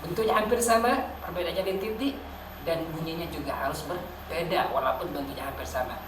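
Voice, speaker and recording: A woman teaching Quran letter pronunciation, rushing through explanations and sounding out drill words slowly. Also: deep voice. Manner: explains quickly, then pronounces drill words slowly and loudly. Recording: echoey room with faint noise.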